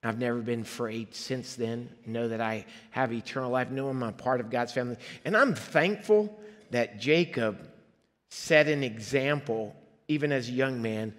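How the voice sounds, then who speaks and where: A long reverb tail follows the voice of a Liberian-raised guest preacher recounting his testimony in a sermon inside a church sanctuary. He talks at a normal speed with medium pitch, earnest and conversational, occasionally speaking directly to the congregation.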